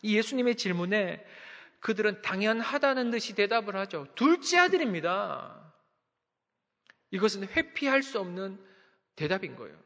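A man's voice: sits high, very animated, moderate pace, bright, forceful tone, in a large hall. A man preaching a sermon as a pastor, emphatic, with sudden drops in volume.

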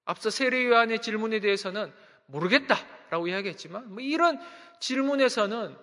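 A man's voice: high-pitched, expressive, fairly quick, sharp tone, long reverb tail. A man preaching a sermon as a pastor, emphatic, with sudden drops in volume.

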